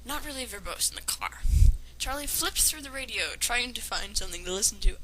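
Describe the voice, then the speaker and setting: This amateur fan fiction reader has a slightly high, bright, forceful voice and speaks fairly quickly with lots of animation. She reads the story dramatically, pausing for casual, sarcastic, nitpicking commentary that comes out hesitantly. The home recording is clearly noisy.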